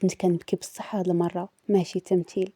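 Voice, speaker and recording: Moroccan woman telling her confession story, dramatic and brooding, really dark mellow voice. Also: lowish voice, flat delivery, fast. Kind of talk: first-person confession story narration.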